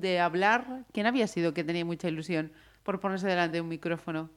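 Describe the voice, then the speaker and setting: A woman's voice: on the low side, fast talker. Encouraging woman radio host. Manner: encouraging, laughs often. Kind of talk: friendly interview.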